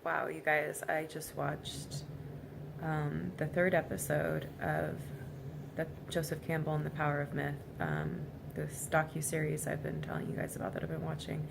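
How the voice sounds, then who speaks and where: A woman gives a reflective personal vlog monologue, speaking casually and haltingly in an earnest, emotionally vulnerable way. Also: low voice, little pitch movement. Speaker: vlogger. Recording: clearly noisy amateur recording.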